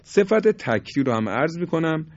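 A man teaching Quran recitation rules, formal and polite, stretching out each example word slowly to demonstrate its sound. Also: fairly high pitch, very animated, no echo. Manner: slow, drawn-out pronunciation demonstrations. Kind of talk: tajweed lesson. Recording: dull lo-fi recording.

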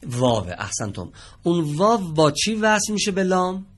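A man's voice: high voice, very animated, fairly bright tone. A man teaching Quranic Arabic reading on a TV studio lesson, patient, asking the students questions and repeating their answers.

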